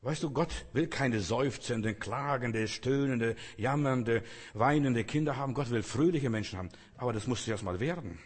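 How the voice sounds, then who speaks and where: A man's voice: medium pitch, moderate pace, breathy edge, big-room sound. A man preaching a sermon in a conversational way, often turning to the listener directly. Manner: conversational, addresses listener with "weißt du".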